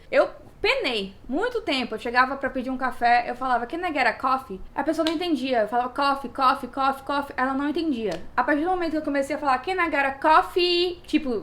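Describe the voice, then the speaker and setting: A woman's voice: high voice, fairly bright tone. A young Brazilian woman with a Brazilian Portuguese accent, chatting casually and expressively to her viewers in a vlog. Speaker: vlogger.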